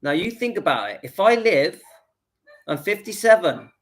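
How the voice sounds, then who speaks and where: A man's voice: sits high, sing-song, normal speed. A man in his fifties vlogging from home, earnestly rallying his viewers and repeating his points for emphasis. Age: 50s. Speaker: channel host. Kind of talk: casual direct-to-camera vlog.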